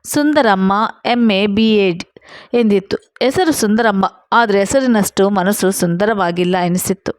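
A woman narrating a first-person story, reading out the quoted dialogue in her steady storytelling voice. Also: medium pitch, measured pace, no echo, studio quality.

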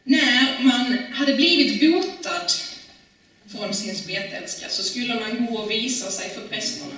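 Woman preacher, fairly high and bright, casual sermon delivery, echoey church sound. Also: distant mic. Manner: conversational, with many fillers and restarts.

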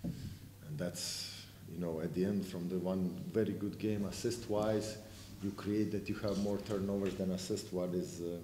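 An unhurried male voice, very deep and flat, belongs to a visiting basketball coach handling post-game press questions. He's blunt and clearly frustrated, repeatedly fixing what he just said. The room behind the table mic echoes, features a sponsor backdrop, and carries noticeable background noise.

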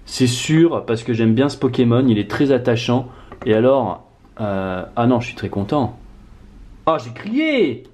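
A man chatting casually to camera while opening card packs at home. His voice sits at a middling pitch, and he talks in an animated way, muttering under his breath one moment and exclaiming loudly the next. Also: unhurried. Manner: animated, excitable, swings from muttering to loud exclamations. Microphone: camera mic on tripod.

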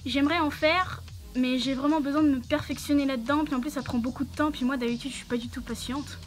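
A woman's voice: high-pitched, fairly even intonation, fast, soft background music. A young woman talking through a costume head, hosting a casual question-and-answer vlog with many hesitant fillers. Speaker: channel host answering questions.

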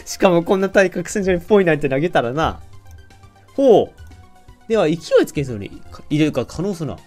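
A man with a Kansai accent streams a mystery game, reading out the characters' lines in turn. His delivery is playful and lively, with pitch swinging widely. Faint game music plays under his voice. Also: a little fast. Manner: playful, animated, jokes with the game and often laughs. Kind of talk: let's-play commentary reading character lines.

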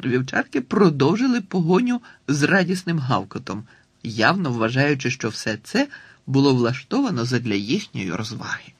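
A man narrating a children's story in the first person with a lively, expressive reading. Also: medium pitch, moderate pace, slightly rough, no echo. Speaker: audiobook narrator.

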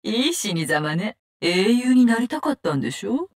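Viper, a cold menacing assassin. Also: female voice, a little high, big pitch swings, normal speed, a little mellow. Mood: contemptuous. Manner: contemptuous, curt, commanding. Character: menacing, cold, vengeful woman poison-gas assassin. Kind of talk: video game character barks in Japanese.

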